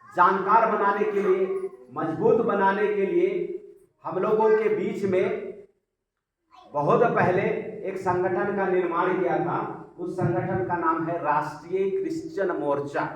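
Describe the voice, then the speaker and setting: A high-voiced man addresses local people in a rousing public speech, posing questions and answering them himself. He sounds distant from the mic, with a heavy echo around his voice. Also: a bit bright. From central India. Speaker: community organizer. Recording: echoey, from far off the mic.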